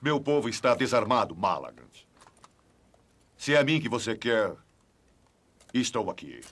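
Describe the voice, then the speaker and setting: Noble, forceful, expressive king. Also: mid-range voice, a little slow, a little hiss or hum. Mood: grave. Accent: Brazilian. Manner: solemn, regal declamation. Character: noble, proud, resolute male king. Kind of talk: dubbed film drama acting.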